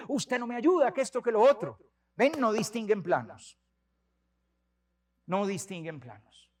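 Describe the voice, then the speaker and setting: A priest in his sixties preaches with a fairly high voice. He tells stories with animation and repeats words for emphasis. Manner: animated storytelling, many repetitions. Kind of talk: sermon.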